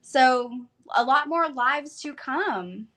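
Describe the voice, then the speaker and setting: A woman's voice: sits high, expressive, slow pace, fairly bright tone. A woman in her thirties with an Arkansas Southern twang, chatting casually and enthusiastically as co-host of a live stream. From Arkansas, United States. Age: 30s. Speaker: online book channel co-host.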